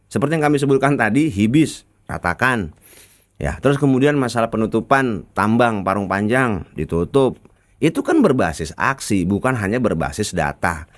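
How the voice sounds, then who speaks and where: A man's voice: on the low side, lively intonation, normal speed. A man with a Sundanese accent giving a chatty, colloquial commentary that rebuts a news article. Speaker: political commentator.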